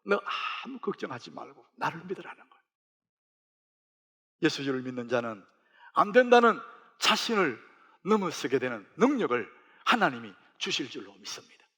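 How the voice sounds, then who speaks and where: Lively-voiced man preaching a sermon. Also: medium pitch, moderate pace, pauses often, husky. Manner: storytelling with lively rising emphasis. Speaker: senior pastor.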